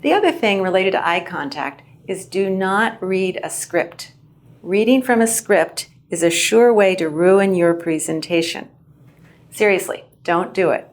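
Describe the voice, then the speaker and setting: Clear-speaking woman teaching presentation skills. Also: lowish voice. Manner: clear, measured teaching delivery. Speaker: English language instructor. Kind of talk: instructional video narration.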